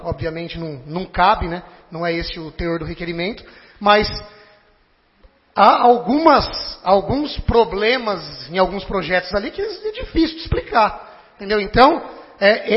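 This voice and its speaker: A man with a Brazilian Portuguese accent, speaking as a city councilman in a formal debate, halting and argumentative, often repeating words. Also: high voice. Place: council chamber. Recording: dull lo-fi recording with long chamber reverb.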